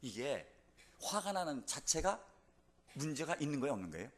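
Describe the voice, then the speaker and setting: A male pastor preaching a sermon in a church, asking the congregation questions and building to loud, emphatic exclamations. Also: fairly high pitch, sing-song, normal speed. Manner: asks the congregation rhetorical questions. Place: church sanctuary.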